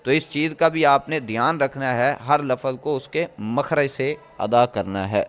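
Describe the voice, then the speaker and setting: A man teaching tajweed in a recorded lecture, explaining slowly with many pauses and fillers and sounding out letters again and again. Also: medium pitch, a bit bright. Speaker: Quran recitation teacher.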